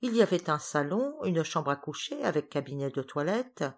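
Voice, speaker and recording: A woman reading a storybook aloud in measured, even narration. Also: sits low. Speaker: audiobook reader.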